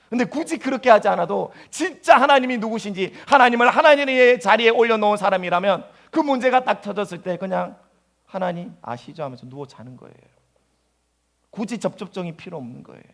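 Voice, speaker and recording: High-voiced male pastor preaching. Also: expressive, fast, gravelly, a bit bright. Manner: acts out anguished prayers in a high voice. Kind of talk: sermon. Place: church sanctuary.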